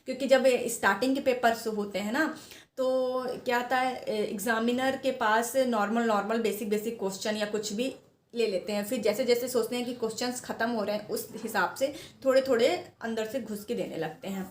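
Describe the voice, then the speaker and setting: A woman's voice: fairly high pitch, a little fast, echoey room. A woman giving informal exam advice to students, chatty and repetitive, restarting her sentences often. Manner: chatty, repeats herself, many restarts. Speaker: exam preparation guide.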